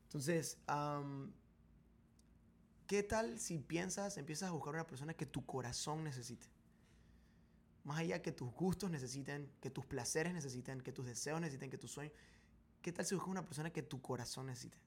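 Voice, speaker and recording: A man's voice: a little high, moderate pace, slight background noise. A man in a casual faith podcast chat, thinking aloud with many fillers and asides. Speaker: co-host.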